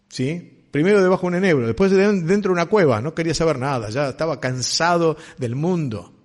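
Husky Rioplatense preacher. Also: male voice, medium pitch, darkish tone. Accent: Rioplatense Spanish. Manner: conversational, asks the congregation questions. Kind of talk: sermon.

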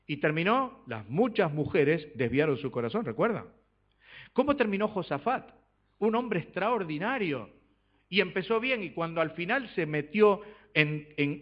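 A man preaches, his fairly high voice rising to loud exhortation and dropping to soft asides. He keeps asking the congregation rhetorical questions. The church recording sounds dull and lo-fi. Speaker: pastor. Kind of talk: sermon.

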